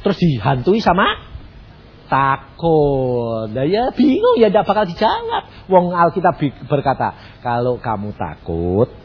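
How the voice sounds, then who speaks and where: A male pastor preaches a sermon, telling a story in an animated way and acting out each speaker's lines. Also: sits high, measured pace, husky, dull audio. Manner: storytelling, animated, acts out dialogue.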